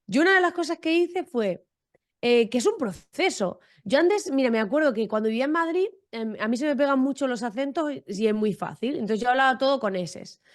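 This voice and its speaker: A woman from Almería speaks in a podcast interview. Her voice sits fairly high. She talks frankly and directly, with a humorous edge. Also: expressive, fairly quick. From Almería, Spain. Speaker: guest entrepreneur.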